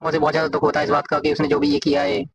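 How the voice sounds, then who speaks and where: A man narrating a comic story in a casual, rapid, run-on retelling, reading the characters' lines aloud as he goes. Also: on the high side, completely flat delivery, rough recording.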